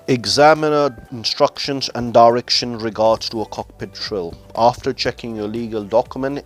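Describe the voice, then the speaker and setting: A man speaking as a driving instructor, giving methodical, formal step-by-step instructions to learner drivers in non-native English phrasing. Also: fairly low pitch.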